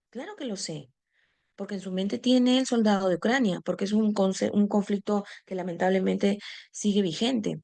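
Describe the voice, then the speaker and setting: A woman teacher giving a lecture on teaching, posing rhetorical questions and pausing with frequent fillers. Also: fairly low pitch, gravelly, warm tone.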